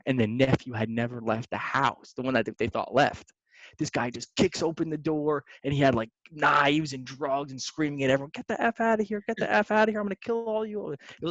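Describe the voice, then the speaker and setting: A young man, a real estate investor, telling stories in a casual podcast chat, slangy and lively, calling people "man" and "dude". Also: medium pitch, no echo. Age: young adult. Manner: animated, slangy, says "man" and "dude" often. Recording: dry, slightly dull sound.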